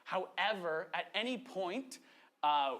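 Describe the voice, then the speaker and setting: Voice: mid-range voice, slow. The host of a live improv comedy show, hyping up the crowd and bantering from the stage, often raising the voice to rally them. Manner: animated, often shouting to rally the audience. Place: on a stage before an audience.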